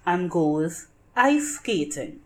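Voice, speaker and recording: A woman narrating a children's picture book in deliberate, simple phrases meant for young listeners. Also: fairly low pitch, sing-song, slight background noise. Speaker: storybook reader.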